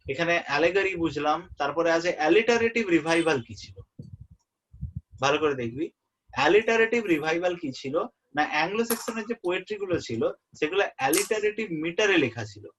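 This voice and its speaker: A young man tutoring a student for an exam in a relaxed way. He often checks that the student is following and repeats the key terms. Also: a little high, fast, a little hiss or hum. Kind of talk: informal exam-prep lesson. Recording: muffled lo-fi audio.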